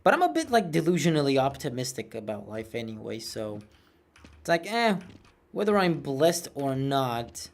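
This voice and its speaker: A man's voice: medium pitch, very animated, moderate pace. A man in his twenties chatting casually while streaming a game, rambling and self-mocking, with a cartoonish voice. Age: 20s. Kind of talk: casual gameplay chat.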